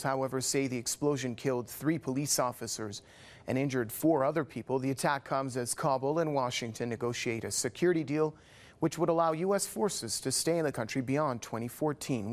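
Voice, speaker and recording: A man working as a news anchor, reading scripted news reports and putting questions to a correspondent. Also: mid-range voice.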